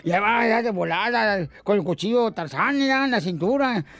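A man from Michoacán, telling jokes on a radio show and shouting out character voices. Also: high-pitched, moderate pace, dry recording. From Michoacán, Mexico. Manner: animated, puts on shouted voices for joke characters.

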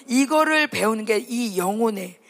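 A woman's voice: a little high, animated, normal speed, creaky. A woman preaching to young people at a camp, emphatic, often asking the audience questions. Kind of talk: sermon.

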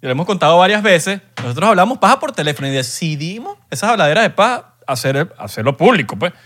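A young Venezuelan man co-hosting a podcast in casual, joking chat, loud and animated, sometimes breaking into shouts. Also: high voice, fast talker. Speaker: podcast co-host.

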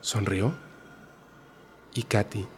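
A man hosting a podcast, narrating a horror story in a slow, dramatic way that drops soft for suspense. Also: on the low side, fairly even intonation, slight background noise. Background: faint music.

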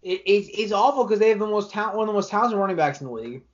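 A young man on a sports podcast rambles through his takes, restarting sentences and getting worked up. His voice sits a bit high for a man. The recording sounds dull and lo-fi. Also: rapid-fire. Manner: rambling, restarts often, animated opinions. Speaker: podcast co-host. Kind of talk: casual sports chat.

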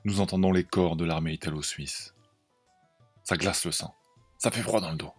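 A man hosting a podcast, narrating an improvised story in a lively way. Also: sits low, moderate pace, husky, faint music behind.

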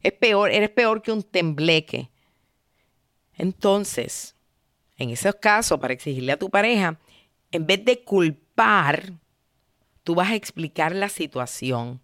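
Woman with a smooth, low voice. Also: takes it slowly, long pauses, no echo, studio quality. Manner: animated, acts out sample dialogues. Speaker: podcast host. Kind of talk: direct advice monologue.

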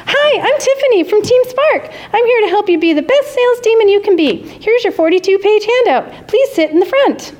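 A woman's voice: very high-pitched, animated, fairly quick, hardly any pauses, a little mellow, voice pushed up. A woman voicing a perky, bubbly young female sales trainer with chirpy, scripted cheerfulness.

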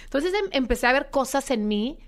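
Animated young woman storyteller. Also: high voice, brisk. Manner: animated storyteller acting out quoted dialogue. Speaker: guest. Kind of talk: interview storytelling.

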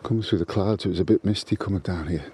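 On a canal towpath with his dog, a man gives a casual walk-and-talk monologue, rambling with many restarts and fillers. He's a guest contributor who talks fast in a low-pitched, warm voice, with birdsong and slight background noise behind him.

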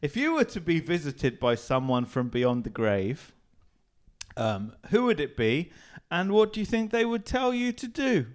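A man's voice: on the high side, big pitch swings, unhurried, clean tone. A man hosting a comedy chat show in a casual, conversational way.

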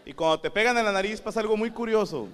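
A man's voice: high voice, fast, a bit bright, a little hiss or hum. A man with a northern Mexican accent delivering a crude, self-mocking stand-up comedy monologue. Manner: crude, self-mocking, acts out quoted voices.

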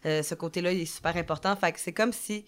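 Woman, Québécois French accent, somewhat low pitch, smooth clear voice, casual podcast guest, chatty with fillers. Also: fast talker. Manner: chatty, many fillers and restarts. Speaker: guest, drag performer.

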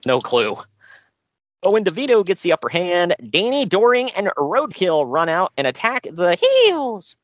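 A man's voice: high-pitched, wildly swooping pitch, unhurried, no echo, lo-fi sound. A man co-hosting a podcast, recapping a show with dry sarcasm and frequent laughs. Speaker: podcast co-host. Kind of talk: casual chat.

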